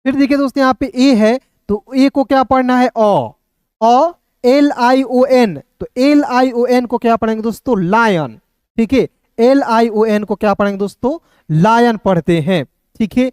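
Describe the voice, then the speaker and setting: A man's voice: very high-pitched, a little mellow, clean tone, no room sound. Man spelling out words in a dry lesson. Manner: spells out letters slowly, asks then answers his own questions; keeps addressing viewers as friends. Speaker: English teacher. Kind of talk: online classroom lesson.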